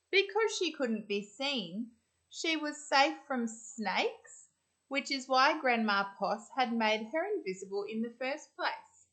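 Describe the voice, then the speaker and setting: Female storyteller, Australian accent, for children's picture books: slow, expressive delivery, bright tone. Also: a little high, low-quality recording. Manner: expressive, deliberate storytelling with stretched words. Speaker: school storyteller.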